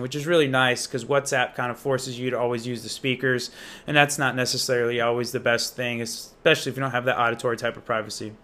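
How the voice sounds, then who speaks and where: The app reviewer, a young man from Indiana in the United States, has a medium-pitched and fairly bright voice. His walkthrough is unscripted and casual, full of slang and enthusiasm as he demonstrates the app.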